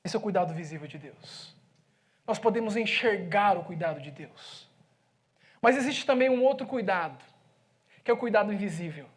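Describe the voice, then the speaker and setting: A man with a Brazilian accent, a pastor preaching in a church, telling a story with lively swings from loud to hushed speech. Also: high voice, moderate pace, pauses often. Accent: Brazilian Portuguese. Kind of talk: sermon storytelling. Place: church sanctuary.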